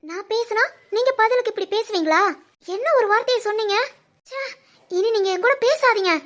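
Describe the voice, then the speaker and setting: A very high, sulky cartoon wife. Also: brisk, fairly bright tone. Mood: hurt. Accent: southern Tamil Nadu village speech. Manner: pleading, then stubbornly refusing. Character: young wife, emotional and sulky. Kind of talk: animated family drama dialogue.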